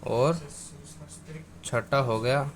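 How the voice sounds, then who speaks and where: A man teaching a grammar lesson, going over words slowly and again and again, spelling them out letter by letter and speaking to viewers as friends. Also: medium pitch, a little hiss or hum.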